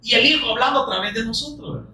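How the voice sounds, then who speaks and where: A man with a notably high voice delivers an earnest sermon, full of rhetorical questions and scripture read slowly for weight. He sounds set back from the microphone, and the room around him rings with echo. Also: pushed and bright. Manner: earnest, many rhetorical questions, slow emphatic scripture quotes. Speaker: preacher. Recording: roomy echo, distant mic.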